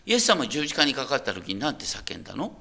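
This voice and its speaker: A man's voice: medium pitch, huge pitch swings, fast talker, gravelly, pushed and bright. A man preaching a sermon as a pastor. He talks in a conversational way, puts questions to the listeners and often checks that they are following.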